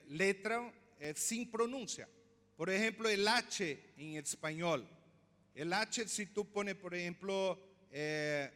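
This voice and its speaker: A man's voice: high voice, a bit bright. A man pastor preaching a sermon, teaching step by step and asking the congregation questions. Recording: long hall reverb.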